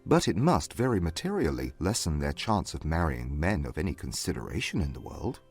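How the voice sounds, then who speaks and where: Man playing a proud cool gentleman, low husky voice, formal clipped delivery, period audiobook. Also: sing-song, a little fast, soft background music, exaggerated voice. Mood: cool reserve. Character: proud, reserved young gentleman, cool and aloof.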